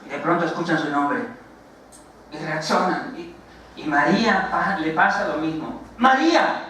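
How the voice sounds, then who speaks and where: A man with a Mexican accent preaching a sermon as pastor, talking slowly with many fillers and rhetorical questions to the congregation. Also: fairly high pitch, pushed and bright, a little hiss or hum. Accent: Mexican Spanish. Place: church sanctuary. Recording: very echoey church, voice from far off the mic.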